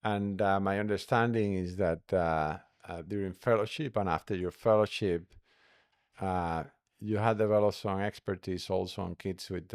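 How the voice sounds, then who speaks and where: A man's voice: sits low, vocal fry, no echo, studio quality. A man hosting a medical podcast as a doctor, speaking hesitantly with many uh fillers. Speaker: podcast host, physician. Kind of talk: podcast interview.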